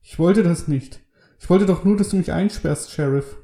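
A man voicing a desperate, lonely farmer who stammers and pleads in a shrill voice, in a storybook reading. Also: fairly even intonation, quick pace, warm tone, reverberant, lightly acted. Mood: fearful.

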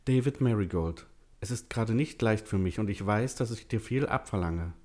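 Storybook young wife, tender and grieving, soft and breathy, higher voice, a man doing her. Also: moderate pace, lightly acted.

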